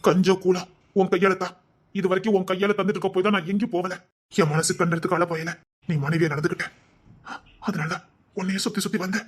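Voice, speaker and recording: A man's voice: high-pitched, little pitch movement. A man playing an aggrieved husband who scolds and then pleads with his wife in a web drama. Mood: wounded pleading. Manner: reproachful, rapid nagging with repeated "di".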